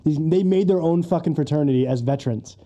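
Speaking fast in a warm, fairly high voice, this man co-hosts a podcast full of profanity, laughter, and acted-out quotes. It's a casual chat, and the recording is muffled.

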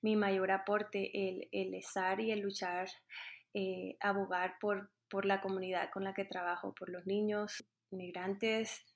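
Earnest coastal woman, halting. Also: medium pitch, flat delivery. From Colombia, Caribbean coast. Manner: earnest, halting, with many fillers and restarts. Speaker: interview guest, music teacher. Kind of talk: casual interview answers.

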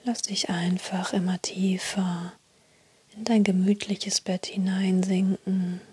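A woman guiding a sleep meditation in a soft, soothing, breathy spa-like whisper, unhurried. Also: mid-range voice, little pitch movement, no room sound. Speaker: guided meditation narrator.

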